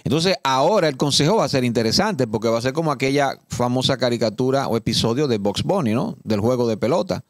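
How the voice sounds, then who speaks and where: A man's voice: mid-range voice, lively intonation, dry recording. A man with a Dominican accent giving emphatic, indignant political commentary on a studio talk show. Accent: Dominican Spanish. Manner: indignant, emphatic, reads law text slowly and deliberately. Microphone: studio mic.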